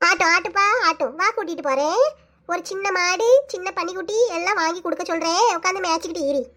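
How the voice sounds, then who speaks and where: A woman's voice: very high-pitched, fast, pushed and bright. A woman voicing a nosy older mother-in-law who fusses and chides in a Kanyakumari Tamil accent, in a cartoon. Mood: fussing.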